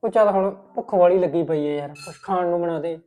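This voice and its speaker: A man's voice: sits high, quick pace, dark tone, natural voice. A man playing an easygoing young husband who responds in an offhand, placating way in a village family drama.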